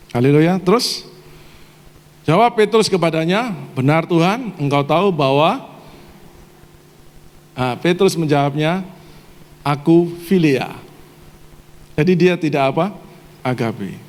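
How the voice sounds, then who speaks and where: A male pastor preaching a sermon to a live congregation, often quizzing them with questions they answer aloud. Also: on the high side. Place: church service hall. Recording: reverberant church hall.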